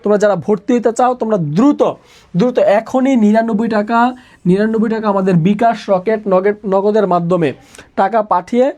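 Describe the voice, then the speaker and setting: A man's voice: sits high, steady tone, mellow. Man drilling exam answers by repetition. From Bangladesh. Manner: repeats questions and answers many times, urging students to answer fast. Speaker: admission exam tutor. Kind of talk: live online exam-prep class.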